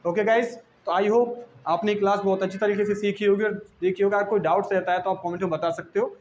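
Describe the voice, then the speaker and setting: A man's voice: sits high, fairly even intonation, fast, a little mellow, dull audio, a little hiss or hum. A man with an Indian accent teaching English in a classroom lesson, spelling words out letter by letter and answering his own questions.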